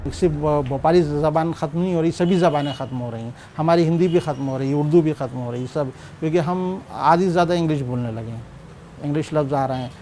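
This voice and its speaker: A man talks in a reflective documentary interview, unhurried and with small restarts. His voice is pitched high with a mellow tone, and faint noise sits behind him in the room. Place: indoor room.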